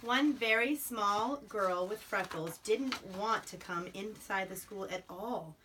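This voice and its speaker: The recording, made on a distant and noisy home microphone, carries room noise and a young child's voice as a woman reads a picture book aloud. Her mid-range voice goes slowly, expressively dramatizing the story and offering simple explanations, prompts, and chatty asides for the child.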